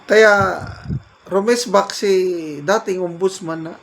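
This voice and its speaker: Filipino man, middle-aged, slow amused commentary, fairly high voice. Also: steady tone, gravelly, fairly bright tone. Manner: laughs often while reading, amused and mocking. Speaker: political commentary vlogger. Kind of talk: casual reaction commentary, reading out comments.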